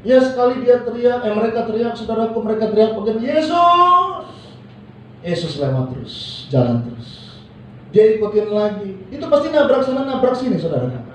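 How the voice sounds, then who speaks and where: Male pastor, sermon, call-and-response, high voice, echoey hall, distant mic. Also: expressive, fairly quick, warm tone, slight background noise. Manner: call-and-response preaching, acts out quoted people. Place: church hall.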